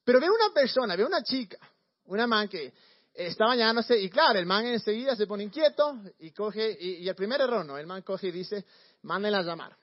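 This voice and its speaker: A man preaching in a casual storytelling way, slangy and animated, often repeating words. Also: high-pitched, a little fast, muffled recording.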